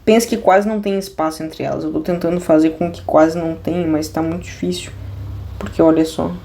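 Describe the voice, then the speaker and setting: Brief: Brazilian woman math teacher, slangy and joking, mellow warm tone, lots of quick restarts and asides. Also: sits low, steady tone, gravelly. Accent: Brazilian Portuguese. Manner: slangy, joking, talks straight to viewers; restless, many restarts and asides. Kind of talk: casual video math lesson. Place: at a desk indoors.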